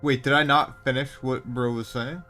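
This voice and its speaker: A man's voice: mid-range voice, fairly even intonation, moderate pace, bright, forceful tone, soft background music. A man hosting a let's-play, reacting in casual gameplay commentary.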